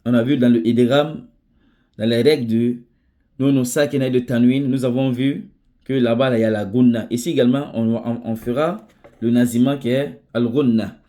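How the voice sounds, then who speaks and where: A man's voice: medium pitch, fairly even intonation, normal speed, mellow. A man teaching Quran recitation rules in French, in a patient classroom manner. He restates each point several times and keeps checking in with "ça va?". Arabic terms are woven through his explanation. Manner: checks in with a repeated "ça va?". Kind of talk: tajwid lesson.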